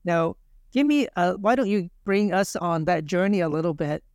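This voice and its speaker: A man's voice: sits high, moderate pace, darkish tone, smooth, no room sound, clean studio sound. A man hosting a podcast who reads a scripted intro and then interviews his guest with enthusiasm and frequent fillers. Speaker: podcast host.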